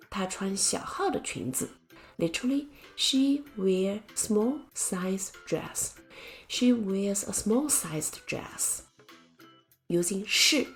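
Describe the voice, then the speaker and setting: Slow, gravelly woman teaching a lesson. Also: mid-range voice. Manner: slow, careful, explains with example sentences. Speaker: Chinese language teacher. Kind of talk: scripted lesson narration. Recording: faint music behind the voice.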